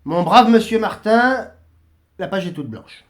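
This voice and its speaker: A man's voice: sits high, expressive, measured pace. A man reading aloud and voicing a jovial old male saint who keeps heaven's gate, hearty and welcoming.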